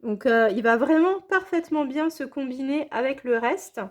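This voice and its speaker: A high-voiced woman talks through her unboxing in a relaxed, chatty way. She gushes with enthusiasm and keeps coming back to the same words of praise. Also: normal speed. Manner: enthusiastic, gushing, repeats praise. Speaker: scrapbooking vlogger. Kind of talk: casual unboxing chat.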